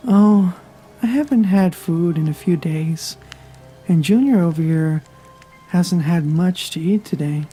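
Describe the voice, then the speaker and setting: A man voicing the ghost of a frail old woman in a horror story, speaking sweetly and politely in a high, gentle voice. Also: a little slow, breathy edge, faint music behind. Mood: wistful. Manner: sweet, gracious.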